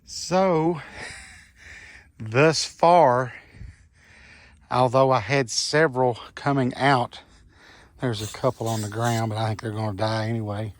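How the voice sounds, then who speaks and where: Junkyard owner, out of breath, folksy vlogger, dry close outdoor sound. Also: male voice, medium pitch, takes it slowly, pauses often, no echo. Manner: folksy, talks to the wasps. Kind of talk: casual outdoor vlog.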